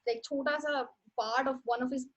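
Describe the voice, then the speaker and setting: A woman's voice: sits high, fairly even intonation, fairly quick. A young woman with an Indian English accent hosting a casual livestream, rambling, correcting herself and laughing often. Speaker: host. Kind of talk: casual livestream talk on art history.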